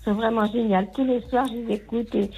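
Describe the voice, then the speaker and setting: A woman's voice: a little high, steady tone, brisk, warm tone, low-quality recording. A French woman calling in by telephone, chatting spontaneously and often interrupting herself. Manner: rambling, self-interrupting. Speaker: radio phone-in caller. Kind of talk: spontaneous personal conversation.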